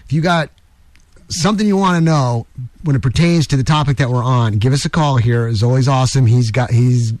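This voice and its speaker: A man's voice: mid-range voice, fairly quick, darkish tone, no room sound. A man hosting a casual radio talk show, loose and jokey, rambling from one point to the next. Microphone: studio microphone.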